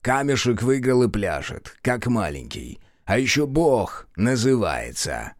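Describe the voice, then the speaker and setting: A man's voice: mid-range voice, big pitch swings, measured pace, no room sound, clean studio sound. A male narrator voicing a grumpy, sneering cave-creature king who mutters scornfully in an audiobook. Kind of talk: audiobook character voice.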